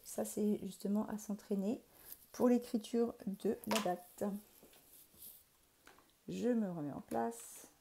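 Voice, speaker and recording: A woman teaching young children remotely, speaking clearly and spelling out letters and sounds. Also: mid-range voice, fairly even intonation, slow pace, pauses often, warm tone, a little hiss or hum. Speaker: primary school teacher. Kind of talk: remote lesson for young pupils. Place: classroom in front of a board.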